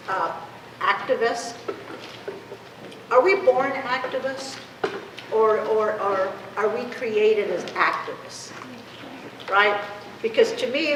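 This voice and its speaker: A woman's voice: fairly high pitch, fairly bright tone, far from the mic. A woman in her fifties, a Spanish speaker, gives an impassioned, conversational public talk as an activist, often posing rhetorical questions. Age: 50s. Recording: echoey room from afar, clear noise.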